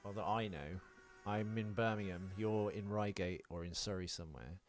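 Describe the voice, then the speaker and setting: A British podcast co-host chats casually and unscripted, rambling, hesitant and self-deprecating, with some swearing. His voice is fairly low at a normal speed, and faint music plays behind him.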